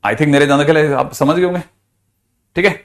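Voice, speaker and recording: A man's voice: fairly high pitch, a little fast. A man, a physics teacher giving a chatty, playful lecture. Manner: chatty, playful, with mixed Hindi-English math terms.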